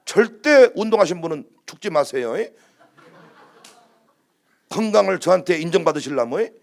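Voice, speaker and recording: This pastor's voice is high and creaky, moving at a normal speed. He preaches with lively storytelling, dramatizing each quote he relates.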